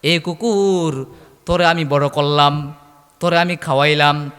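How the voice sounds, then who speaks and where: An angry dog owner scolds his dog with long, drawn-out calls that climb in insistence, as a man preaching puts him on. The voice sits fairly high and. It rings through a sermon hall sound system with a long reverb. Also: fairly even intonation, a bit bright, clean tone. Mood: scolding.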